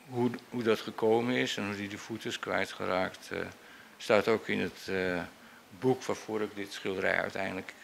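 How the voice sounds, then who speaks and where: An older man, a portrait painter, telling memories in a halting, unscripted and reflective way. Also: lowish voice, vocal fry, a bit bright, a little hiss or hum. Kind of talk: unscripted speech recounting memories.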